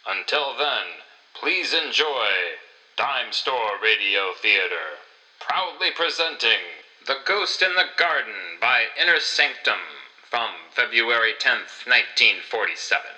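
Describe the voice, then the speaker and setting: A man's voice: mid-range voice, animated, a little slow, sharp tone, poor audio. A man presenting a program in a scripted radio announcement style.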